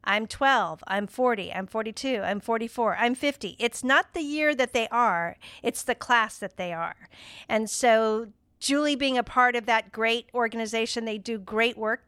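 A woman's voice: a little high, moderate pace, fairly bright tone, smooth, dry recording, studio quality. A woman podcast host chatting enthusiastically and promoting a program she admires. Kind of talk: casual interview chat.

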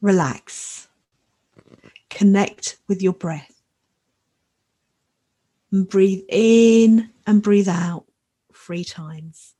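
A woman leading a guided meditation in a soft, soothing, measured voice with long pauses. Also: mid-range voice, breathy edge. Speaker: podcast host leading a meditation.

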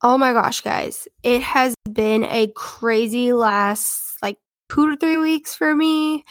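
A young woman with a head cold hosts a casual true-crime podcast, her congested voice pitched fairly high and moving slowly. She chats and rambles, leaning heavily on filler words, with no echo in the recording.

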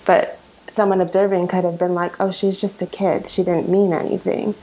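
A woman from Canada sharing a personal memory in a reflective, measured way during a panel discussion. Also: lowish voice, flat delivery, mellow, poor audio. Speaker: panel participant.

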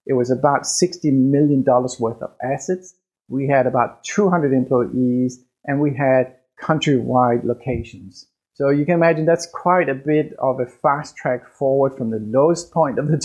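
A man with a noticeable Danish accent talks through his own business podcast, pausing and restarting as he goes. His voice sits at an ordinary pitch and carries a husky, slightly rough edge. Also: darkish tone, muffled recording. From Denmark. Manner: hesitant, with fillers and restarts, conversational. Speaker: podcast host and business coach. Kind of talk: solo podcast monologue.

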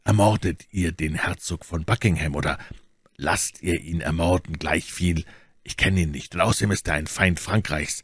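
A stern, coldly menacing nobleman speaks slowly and quietly in a very low, husky voice, as read by a male narrator. The audiobook recording is dry and close. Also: no echo. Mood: threatening. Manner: slow, measured, threatening. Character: stern cold nobleman, adult, menacing calm. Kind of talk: audiobook character voice.

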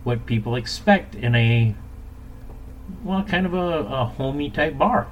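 A man hosts a casual podcast chat in a medium-pitched voice. He talks like a bartender among friends. Clear background noise sits under the recording. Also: lively intonation, measured pace, muffled recording.

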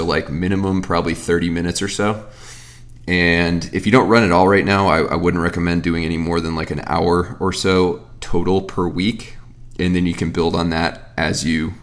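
A man in his thirties with a very deep, low-pitched voice talks through training advice in a loose, conversational way. He rambles, restarts his sentences and fills gaps with casual asides, like a coach answering listener questions on his own podcast. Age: 30s. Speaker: fitness coach and podcast host.

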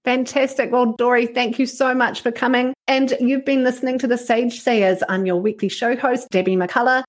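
A woman's voice: on the high side, steady tone, normal speed. A woman with a broad New Zealand accent, hosting an interview podcast and addressing her guest and listeners.

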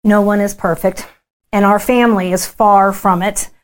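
A woman in her fifties with a mid-range voice, sharing candid family stories during a conference talk. She speaks in a personal, frank, storytelling way, with natural pauses. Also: medium pitch, steady tone.

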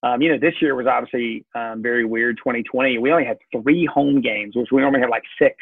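A man's voice: mid-range voice, quick pace, gravelly, husky, dry recording. Southern man on a tinny dry call. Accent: Southern US, Georgia. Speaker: pastor, podcast guest. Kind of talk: casual chat.

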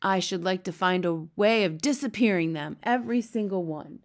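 A woman's voice: lowish voice, moderate pace, natural voice. Storybook hero: innocent, kindly giant man, voiced by a woman, earnest, exclaiming, grammar all muddled. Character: kindly, innocent, excitable big friendly male giant. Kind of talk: storybook character reading.

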